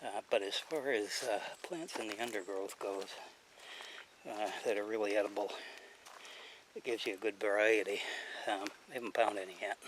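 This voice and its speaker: A man with an American accent, vlogging outdoors in the woods in a halting, casual way, out of breath after a long bike ride. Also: on the low side, a little hiss or hum, poor audio. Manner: halting, with many fillers. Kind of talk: casual outdoor vlog talk.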